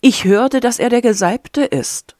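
Curious young maid read by a woman, soft and slow, storybook audiobook. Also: a little high, no room sound, studio quality, pitched above the performer's own voice, close to an everyday voice. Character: quiet young female servant, curious and soft-spoken.

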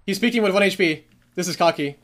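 A man streaming a game, excitedly commentating and repeating himself as the action heats up. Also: high-pitched, fast. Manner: hyped, repeats phrases, laughs often. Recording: noisy game stream mic.

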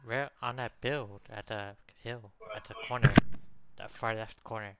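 A man from Canada chatting casually with his teammate during an online game, making relaxed callouts and boastful jokes. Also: lowish voice, a little slow, heavy background noise. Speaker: gamer and uploader. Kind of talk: casual gameplay chat with a teammate.

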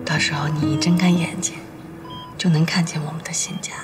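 A woman's voice: low voice, fairly even intonation, a little fast, close to an everyday voice. A woman playing a resigned, heartbroken young lawyer. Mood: tender whisper. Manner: quiet, resigned, soft-spoken. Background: soft guitar music.

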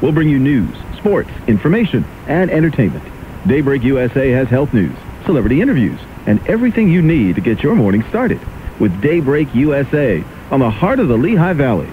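A man's voice: sing-song, fairly quick. A man reading a scripted station promo as a radio announcer, taped off the radio. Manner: reads a list of features in an upbeat pitch. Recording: tinny off-air radio tape with faint hiss.

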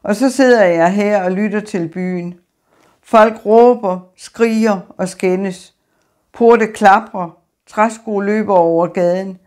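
A woman's voice: mid-range voice, a little mellow, lightly acted. A woman voicing a grieving, despairing man who speaks in weary laments.

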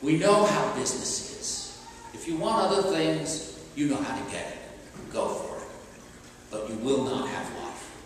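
A man's voice: on the high side, big pitch swings, a little slow, slight background noise. An older man, a priest giving a homily at a pulpit, talking conversationally with fillers and restarts. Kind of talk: sermon. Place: large church. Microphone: stand mic at a pulpit. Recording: echoey church from a distant camera.

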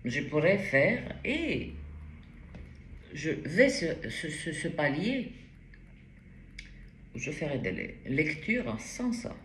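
A woman's voice: deep voice, very animated, slow, pauses often, a bit bright, reverberant, a little hiss or hum. A woman giving a spoken tarot reading, hesitant and rambling, with frequent restarts and interjections. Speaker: tarot reader.

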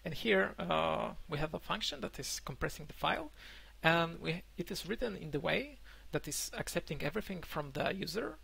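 A young man whose first language is Polish gives an online conference talk from a room at home, pausing often with fillers and restarts over a webcam microphone. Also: a little high, lively intonation, creaky, a bit bright, husky. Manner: halting, many fillers and restarts. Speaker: conference speaker. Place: indoor room, remote talk.

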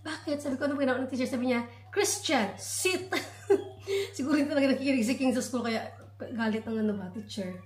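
Chatty Filipino mom vlogger, roomy kitchen. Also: female voice, on the high side, racing, darkish tone. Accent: Hiligaynon. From Philippines. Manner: chatty, addresses viewers as guys, mixes Filipino and English. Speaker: vlogger and mother. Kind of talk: casual family vlog. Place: home kitchen indoors. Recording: echoey room.

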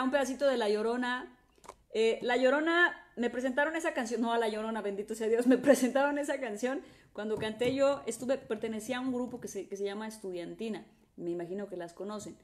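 A woman's voice: a little high, fast talker. A woman singer with a Mexican accent chatting casually with fans on a live stream, greeting viewers by name and trailing off in restarts.

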